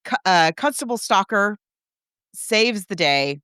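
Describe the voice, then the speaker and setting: Speaking slowly at a medium pitch, this woman sounds expressive, clean and a bit bright. She's a podcast co-host recapping a film in relaxed conversation, spinning it like a story and acting out the characters' reactions, in clean studio sound with no room sound.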